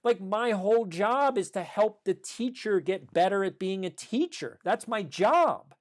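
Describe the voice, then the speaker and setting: A man's voice: high-pitched, lively intonation, a little slow. Emphatic man talking about teaching. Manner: emphatic, repeats key phrases. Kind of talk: passionate podcast monologue on teaching.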